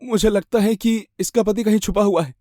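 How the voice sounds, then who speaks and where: A man voicing a frightened but defiant young woman, shaky and urgent, in an animated horror story. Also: high voice, moderate pace, no room sound, studio quality, voice pushed up, natural voice.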